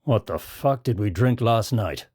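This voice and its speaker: Low mumbly blunt british lad, dry sound, voiced by a man. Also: lively intonation, a little slow, darkish tone, breathy edge, no room sound. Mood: wry.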